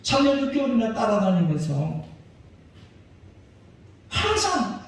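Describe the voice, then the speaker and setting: A man's voice: high-pitched, huge pitch swings, slow. A male pastor preaching a sermon, pressing the congregation with rhetorical questions. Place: church sanctuary. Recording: very echoey church hall, voice far from mic.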